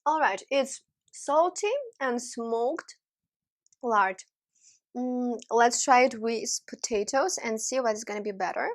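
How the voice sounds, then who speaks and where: A woman's voice: fairly high pitch, slow. A young woman hosting a casual food-tasting vlog, savoring each dish with appreciative hums and enthusiastic praise. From Ukraine. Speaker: vlog host.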